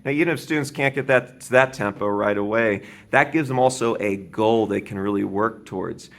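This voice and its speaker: Gravelly-voiced male drum teacher. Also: on the low side, a little fast. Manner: counting beats aloud, explains calmly with frequent "right?". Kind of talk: instructional demonstration. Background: drum kit playing.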